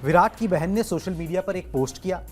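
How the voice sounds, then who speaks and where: A man hosting a sports talk show, speaking in a conversational way with drawn-out filler pauses. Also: high voice, a little mellow, soft background music.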